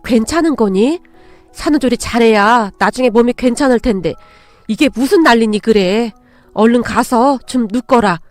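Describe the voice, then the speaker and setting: A woman's voice: on the high side, normal speed, no echo, faint music behind, natural voice. A woman voicing an older mother-in-law who is stern to outsiders and caring to her daughter-in-law. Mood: tender. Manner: firm, commanding, then gentle.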